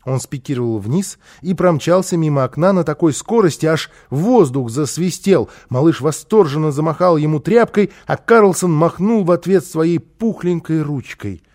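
A male narrator reads a children's story aloud, his voice sitting a touch higher than most men's. He tells it with lively, expressive phrasing. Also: moderate pace, hardly any pauses.

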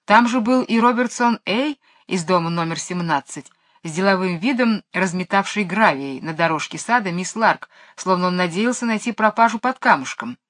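A woman narrating a children's storybook in an expressive, lively reading voice. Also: mid-range voice, normal speed.

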